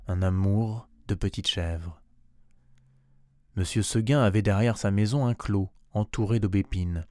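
Low-voiced man reading a tale aloud. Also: dry recording, studio quality. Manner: measured, expressive storytelling with slowed phrases. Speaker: narrator.

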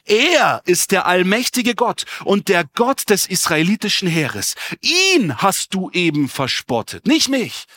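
A man's voice: high voice, big pitch swings, a little slow, hardly any pauses, sharp tone, no room sound, pitched above the performer's own voice, heavily acted. A male preacher voicing the young shepherd David, declaiming boldly to his foe. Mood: defiant.

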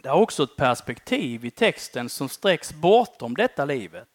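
Animated Swedish-speaking preacher man. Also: fairly high pitch, dry recording, studio quality. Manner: conversational, often ends phrases with a questioning "va?"; dynamic, swings between loud emphatic lines and quiet dropped-off endings. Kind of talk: sermon.

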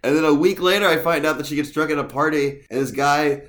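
A man co-hosting a podcast who teases with deadpan crude jokes in casual banter. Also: on the high side, fast talker, reverberant. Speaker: podcast co-host.

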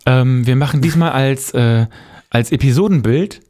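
A man's voice: mid-range voice, normal speed, warm tone, slight background noise. A young man co-hosting a podcast in casual chat, rambling with many fillers and restarts. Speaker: podcast co-host.

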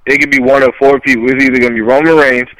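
A man co-hosting a casual podcast chat, rambling as he thinks out loud. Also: mid-range voice, steady tone, very fast, poor audio. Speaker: podcast co-host.

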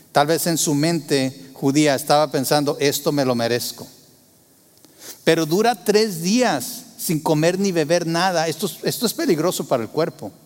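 Guy preaching a sermon, high voice, dramatic, asks the crowd questions, echoey hall. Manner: rhetorical questions to the congregation; dramatic, shifts between loud emphasis and hushed tones.

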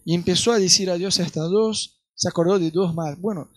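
A man's voice: high-pitched, brisk, a bit bright, dry recording. A man with a Rioplatense accent preaching a sermon, telling stories animatedly and acting out the voices of the people in them. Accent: Rioplatense Spanish.

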